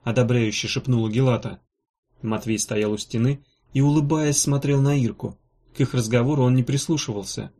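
A man narrating a fantasy novel as an audiobook in a steady, even storytelling manner. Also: mid-range voice, fairly quick. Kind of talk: scripted narration.

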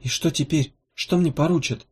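A man reading an audiobook voices a young woman warrior who asks quiet, earnest questions. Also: fairly high pitch, normal speed, slightly rough, voice pushed up.

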